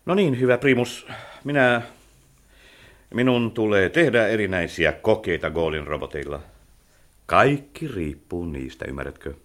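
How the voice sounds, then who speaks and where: An older man playing an aging architect in a radio play, commanding at times and gentle at others. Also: lowish voice, lively intonation, natural voice. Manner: commanding, then wistful and gentle. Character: aging male architect, stern yet tender. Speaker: old architect character.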